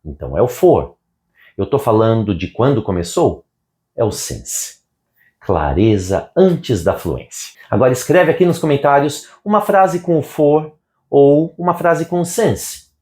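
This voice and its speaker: A man teaching English, calmly reading out example sentences slowly and translating each one. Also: mid-range voice, roomy sound. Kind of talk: slow, clear language lesson.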